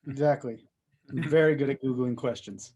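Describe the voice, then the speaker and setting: A man's voice: mid-range voice, normal speed, a little mellow, slightly rough. Laid-back young man from Utah. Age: about 30. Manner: laid-back, short dry answers. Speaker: podcast guest. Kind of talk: casual interview chat.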